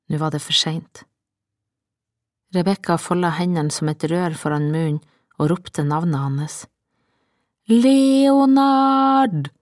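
A woman narrating an audiobook in a calm, measured storytelling manner. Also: lowish voice, no room sound, clean studio sound. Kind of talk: scripted narration.

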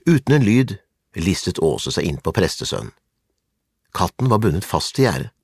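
Male storybook narrator, husky, lively intonation, dry close sound. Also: deep voice, dry recording. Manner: calm, measured narration. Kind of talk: storybook reading.

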